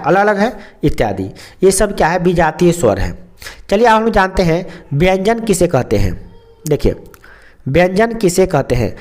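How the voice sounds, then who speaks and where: High-voiced man teaching slowly. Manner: slow and repetitive, stretches out sounds, asks and answers himself. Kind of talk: explaining a lesson.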